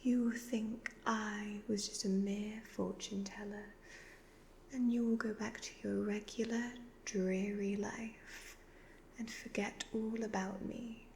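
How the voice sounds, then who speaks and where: In a soft-spoken ASMR roleplay, a woman plays a predatory, gloating, seductive witch who is ageless but youthful-looking, half-whispering in a creaky, very slow voice. The tone is mid-range and darkish, the manner deliberate, hypnotic and condescending. There's faint background noise.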